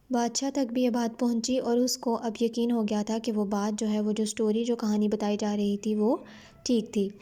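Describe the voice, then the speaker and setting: A woman teacher with a Pakistani accent who reads a novel aloud slowly, then explains each line. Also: fairly high pitch, warm tone.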